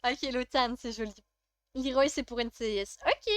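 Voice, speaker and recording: High-voiced, excitable young French woman. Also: normal speed, dry recording, studio quality. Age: young adult. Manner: chatty, excitable, gushing, reacting to chat. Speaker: streamer. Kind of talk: casual live-stream chat while playing a life-sim game.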